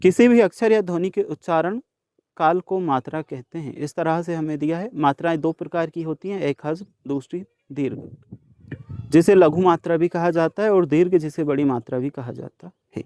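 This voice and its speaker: A male teacher solving a worksheet for students, sounding out each letter slowly and speaking to the class directly. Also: on the high side, darkish tone, no echo. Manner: slow, deliberate sounding out of letters. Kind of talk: worksheet solution lesson.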